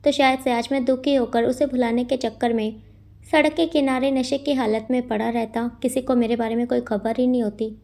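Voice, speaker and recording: Earnest young male lead, gentle and lovesick, confiding storybook read, read by a woman in a high, warm voice. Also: fairly even intonation, normal speed, gravelly.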